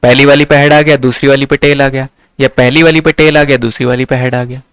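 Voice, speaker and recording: A man's voice: medium pitch, level tone, fairly quick, fairly bright tone, smooth, no room sound. A young man from teaching maths to a class, checking often that his students follow. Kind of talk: classroom lecture.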